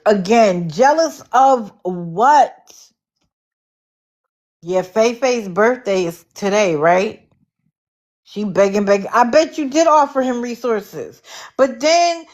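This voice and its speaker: A woman from Connecticut hosting a livestream, giving sarcastic, animated commentary. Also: a little high. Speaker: livestream host.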